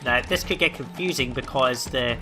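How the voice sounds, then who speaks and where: A man hosting a let's play, giving relaxed gameplay commentary and thinking aloud with plenty of ums and uhs. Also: medium pitch, normal speed, music in the background.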